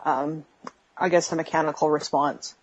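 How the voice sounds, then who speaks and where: A woman's voice: low-pitched, fairly even intonation, moderate pace, slightly rough. Woman on a breaking-up phone connection. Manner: hesitant, with many fillers and restarts. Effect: bad connection on a phone video call, breaking up. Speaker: interview guest. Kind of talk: answering questions in an interview. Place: bedroom at home. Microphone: video call app on a phone. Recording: lo-fi phone call audio.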